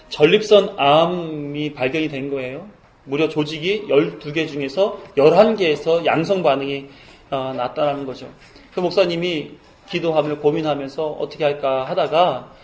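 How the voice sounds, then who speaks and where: A man's voice: on the high side, slight background noise. A middle-aged man preaching a sermon as pastor, earnest and rising to fervent emphasis.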